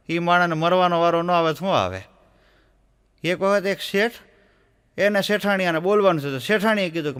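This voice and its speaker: A man's voice: fairly high pitch, a bit bright, smooth. A man with a Gujarati accent telling jokes in a folksy storytelling style, acting out the voices of the people in them. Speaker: stand-up comedian.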